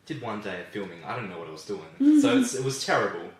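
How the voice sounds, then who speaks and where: A man's voice: lowish voice, wildly swooping pitch, quick pace, far from the mic. A man hosting a podcast, chatting casually in a laid-back, rambling way and swearing now and then. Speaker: podcast host. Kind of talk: casual chat. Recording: echoey room, away from the mic.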